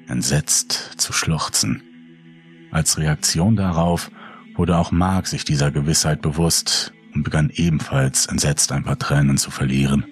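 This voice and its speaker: A man reading a scripted horror story in a dark, measured way. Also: rumbling low. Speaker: narrator.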